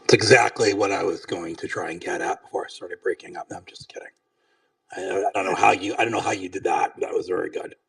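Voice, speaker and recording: Low gravelly man on phone speaker. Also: steady tone, fast, fairly bright tone, dry recording. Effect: heard over a phone on speakerphone. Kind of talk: casual conversation. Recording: distant, dry phone speaker.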